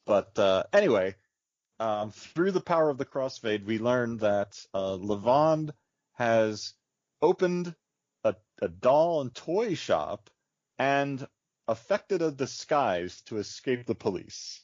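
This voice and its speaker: A man's voice: medium pitch, big pitch swings, takes it slowly, a little mellow, no echo. A man co-hosting a film podcast, talking in a loose, chatty way full of likes. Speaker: podcast host. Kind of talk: casual film discussion. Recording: dry, dull lo-fi podcast audio.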